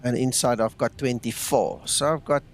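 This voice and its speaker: A man's voice: medium pitch, steady tone, normal speed. A man streaming a flight simulator, chatting casually with viewers and thanking them often. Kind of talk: casual live-stream chat.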